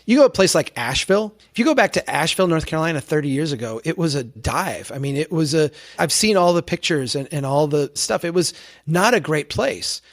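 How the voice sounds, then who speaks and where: This podcast guest, an American man in his forties who advocates for towns, talks briskly with lively intonation in a voice on the high side. Earnest and opinionated, he explains his views with conviction and frames them through rhetorical contrasts.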